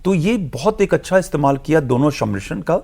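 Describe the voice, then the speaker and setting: A man's voice: fairly high pitch, sing-song, brisk, creaky, darkish tone. A man speaking as a studio guest analyst in a discussion, explaining earnestly and emphatically, mixing English phrases into his talk.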